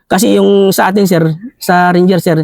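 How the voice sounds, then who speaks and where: A man with a Filipino accent recounting a war story in an interview, halting and repeatedly addressing the listener as sir. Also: high-pitched, flat delivery, creaky, darkish tone, no echo. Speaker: retired army ranger scout.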